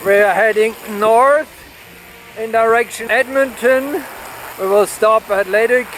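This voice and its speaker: A man vlogging casually while riding a trike along a highway, halting with many fillers and making sarcastic jokes about bumpy roads. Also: a bit bright, slight background noise, poor audio. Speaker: travel vlogger. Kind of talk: casual commentary while driving.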